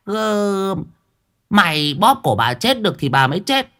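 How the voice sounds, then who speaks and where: A man's voice: high-pitched, big pitch swings, measured pace, fairly bright tone, voice pushed up, heavily acted. A man putting on a swearing old woman. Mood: fierce. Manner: coarse, scornful, swearing boldly. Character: defiant foul-mouthed old village woman living alone.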